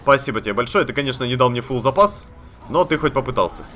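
A man giving chatty, excitable commentary while playing a video game, talking to the characters on screen and swearing casually. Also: medium pitch, fast talker, soft background music. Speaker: let's play gamer. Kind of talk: live gameplay commentary.

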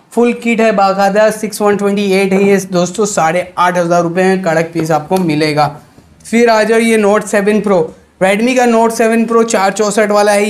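Young guy, pretty high voice, chatty shop salesman pitch to camera, throws in english words. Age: young adult. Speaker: second-hand phone seller presenting shop stock. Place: small mobile phone shop, indoors. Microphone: lapel mic.

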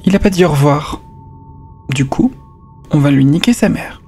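A man's voice: a little high, lively intonation, normal speed, darkish tone, husky, faint music behind. A man reading a story aloud on stream, breaking off for casual asides and stumbling over words.

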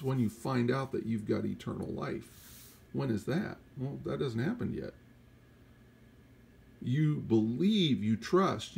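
Emphatic male preacher, husky with some fry, mid pitch. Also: a little mellow. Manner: emphatic, rhetorical questions, reads scripture aloud. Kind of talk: Bible teaching sermon.

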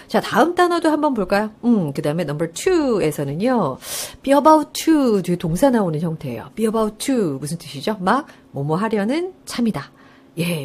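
A woman's voice: mid-range voice, breathy edge. A woman giving a live online lecture for an English listening test, coaxing students with questions and laughing as she explains. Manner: lively, coaxing, asks students questions and answers herself; laughs often while explaining.

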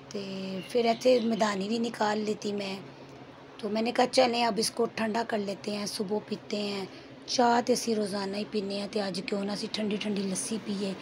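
Hoarse Punjabi-accented woman vlogging. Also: mid-range voice, noisy background. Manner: chatty, homely, mixes Punjabi into Urdu. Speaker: cooking vlogger. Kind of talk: casual vlog voice-over.

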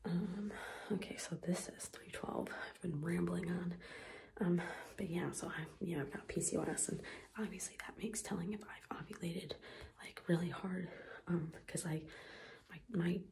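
A young woman talks in a hushed whisper so she won't wake the house, her low voice slipping into gravelly fry. Her tone is dark and mellow, and she rambles loosely with plenty of ums and likes. A faint hum of room noise sits underneath. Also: steady tone, moderate pace. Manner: whispering to keep quiet, rambling with many fillers. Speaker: vlogger. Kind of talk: whispered casual vlog. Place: home, early morning.

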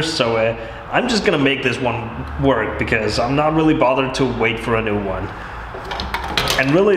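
A man giving casual, chatty commentary as he works on a vehicle in a cold workshop. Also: medium pitch. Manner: relaxed, chatty, with small laughs. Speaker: vehicle restoration vlogger. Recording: echoey workshop with loud noise.

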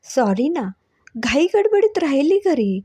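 A woman's voice: high voice, very animated, unhurried, warm tone, dry recording, pitched above the performer's own voice. A woman voicing a nervous, playful young woman who fakes innocence and pleads sheepishly in a storybook reading.

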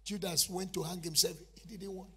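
A man's voice: high voice, flat delivery, fairly quick, slightly rough. A male preacher delivering a fiery, sing-song sermon and acting out Bible scenes with dramatic storytelling. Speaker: apostle preaching.

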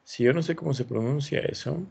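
A man's voice: fairly high pitch, a little fast, gravelly, a little mellow, breathy edge. A man teaching an online class, thinking aloud and encouraging as he reviews students' work. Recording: dull lo-fi sound.

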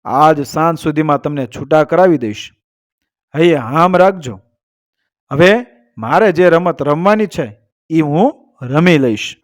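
A crafty, scheming trickster, as a man puts him on in a spoken folk tale, haggling in a sly, knowing way. The voice sits a touch high for a man. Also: animated, a little slow, long pauses. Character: crafty scheming male trickster, middle-aged.

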